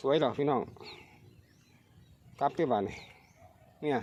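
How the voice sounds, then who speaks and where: A man's voice: mid-range voice, a little slow, darkish tone, lo-fi sound. An older man with an Isan accent, narrating his own fishing vlog in a folksy way and calling out to his viewers as family. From Northeast Thailand. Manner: folksy, keeps calling viewers brothers and sisters. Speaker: fishing vlogger. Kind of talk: casual outdoor vlog narration. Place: outdoors by a rural pond or stream. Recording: outdoor noise with birds and water. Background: rural ambience, birds, water.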